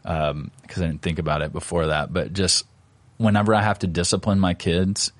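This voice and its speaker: A deep-voiced man, a pastor, chatting loosely about his sermon on a close mic. The sound is dry, with no room around it, and his talk is easygoing and full of little fillers. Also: brisk, dry recording. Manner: relaxed, conversational, many fillers. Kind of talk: casual podcast discussion of a sermon.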